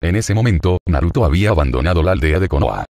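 A man narrating a web novel aloud in an even, unhurried way. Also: low-pitched, dry recording, clean studio sound.

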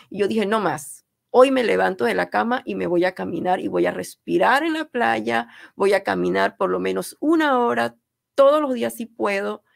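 A middle-aged Panamanian woman speaks as a guest in a studio interview, earnest and emphatic, often repeating a phrase to drive it home. Her voice has a gravelly, fry-touched edge. The sound is close and dry, with no room around it. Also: mid-range voice, dry recording. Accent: Panamanian Spanish. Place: radio studio.

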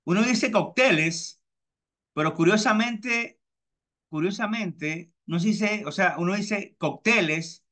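A man's voice: measured pace, bright, forceful tone. A man, hosting his own podcast and chatting casually through personal stories, often repeating himself. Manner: chatty, repeats himself, mimics friends with high-pitched voices. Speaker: podcast host. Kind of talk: casual personal storytelling monologue.

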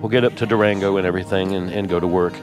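A man vlogging from his RV, talking tearfully and haltingly with many pauses and fillers. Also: low-pitched, steady tone, over music. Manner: rambling, halting, with many ums and uhs. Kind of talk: casual vlog talk to camera.

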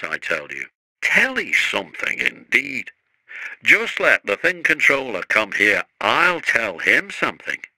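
A man's voice: on the low side, pushed and bright, no echo, full character voice, rough recording. A man voicing a proud, grumbling male steam engine who talks in a huffy way.

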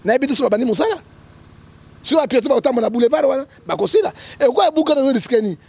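Male prophet guest, Congolese accent, emphatic commentary; gravelly, husky tone. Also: very high voice, animated, rapid-fire, darkish tone, dry recording. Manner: emphatic, keeps checking with "hein?", quotes scripture. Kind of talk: political commentary in an interview.

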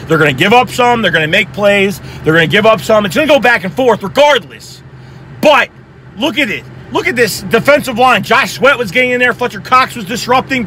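A young man, a sports fan vlogger, sits in a car at night delivering a heated post-game rant. His high-pitched voice is hoarse from yelling, and he's excited, profane and rapid-fire. There's slight background noise.

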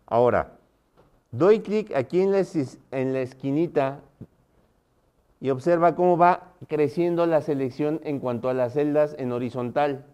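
A man's voice: on the high side, darkish tone, clean tone. A man teaching a live online class, often stopping to check that his students are following.

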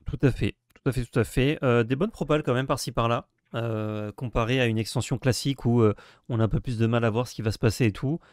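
A man's voice: medium pitch, steady tone, fast, a little mellow, dry recording, studio quality. A man co-hosting a casual card-game discussion, talking with many hesitations and restarts. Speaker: co-host.

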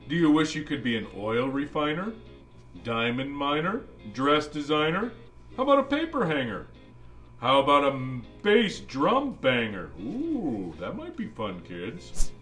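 A man's voice: on the high side, very animated, a little slow, fairly bright tone, soft background music. A man playing a jolly old Santa Claus, reading a children's storybook aloud with playful, musing asides to the kids. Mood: jolly, animated. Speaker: storybook reader.

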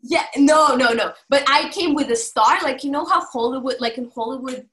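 Young woman from Russia, relaxed guest, bright tone, roomy sound. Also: high-pitched, normal speed. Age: young adult. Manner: relaxed, many fillers like "like" and "kinda". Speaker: guest, former student. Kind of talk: casual interview chat.

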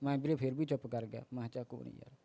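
A man in his thirties giving interview testimony, telling his story in a halting, earnest way with many restarts. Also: medium pitch, steady tone, vocal fry, very noisy.

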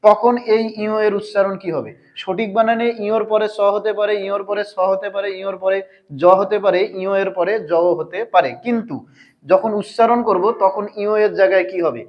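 A man's voice: sits high, steady tone, normal speed, lo-fi sound. A man teaching a language lesson, asking his viewers questions and answering them himself. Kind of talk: explanatory grammar lesson.

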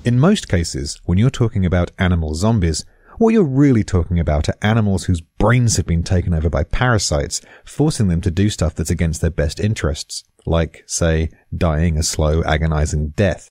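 A man's voice: low-pitched, expressive, moderate pace, darkish tone, no room sound. A British man giving a scripted podcast explanation in a dry, darkly amused way.

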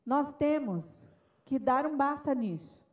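A woman with a Brazilian Portuguese accent addresses a forum in an emphatic, impassioned talk, acting out the exchanges she tells about. Her voice sits high, and she sounds set back from the microphone. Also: animated, slow, distant mic. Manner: emphatic, acts out dialogues in her speech. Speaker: forum speaker. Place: event forum.

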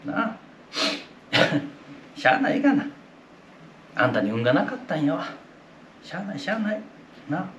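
A nagging Osaka housewife, put on by a male storyteller, scolding her hapless husband in a bright, lively voice that leaps up and down. Her Osaka accent is strong, and she sounds as if she is in a roomy, echoey space. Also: fairly high pitch, normal speed, pauses often, a little hiss or hum. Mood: exasperated. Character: sharp-tongued Osaka wife, bossy and exasperated.

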